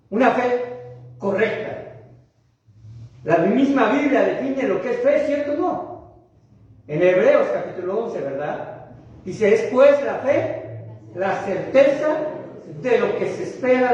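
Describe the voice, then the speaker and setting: A male pastor with a Mexican accent preaches to his congregation, stretching out important words and often asking them to agree. His voice sits high for a man. The recording sounds dull and distant, with heavy church echo. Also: darkish tone. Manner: addresses the congregation, often tags "¿verdad?"; slow, emphatic phrasing of key words. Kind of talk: sermon. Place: church sanctuary. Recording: very echoey hall, mic at a distance, dull sound.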